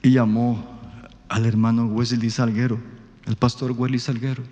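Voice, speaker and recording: A man, a pastor telling a story in a sermon, dropping to a hush and then rising loud. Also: mid-range voice, little pitch movement, moderate pace, long reverb tail. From Guatemala. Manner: storytelling, swings from hushed to loud. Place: church.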